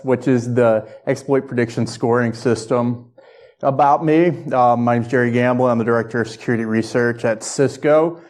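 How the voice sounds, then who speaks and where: Man, conference speaker, mid-pitched voice, informal lightning talk, technical, conversational delivery. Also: darkish tone. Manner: conversational, checks in with "right?". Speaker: conference speaker, security research director.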